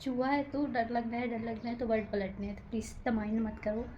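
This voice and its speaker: A young woman vlogger with a slightly high voice talks straight to camera in a nervous, rambling way, poking fun at herself as she goes. Faint noise sits under the recording. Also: fairly even intonation, fast, darkish tone, highs cut off. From India. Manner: nervous, rambling, self-mocking chatter. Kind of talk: casual vlog talk to camera. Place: rooftop and home room, indoors and out.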